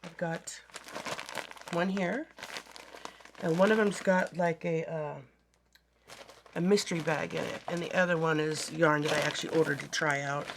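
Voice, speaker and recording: Raspy, gravelly voice of a sick crafter. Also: medium pitch, steady tone, moderate pace, pauses often, noisy background. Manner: chatty, meandering, talks to viewers directly. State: hoarse from a bad cold. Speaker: yarn crafting vlogger. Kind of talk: casual show-and-tell vlog.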